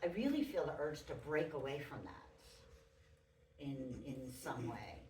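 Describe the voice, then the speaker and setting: A woman speaking on a playwrights' panel, chatty and halting, laughing now and then. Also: rumbling low, sing-song, darkish tone. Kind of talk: panel discussion. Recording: roomy echo, far from the mic, faint noise.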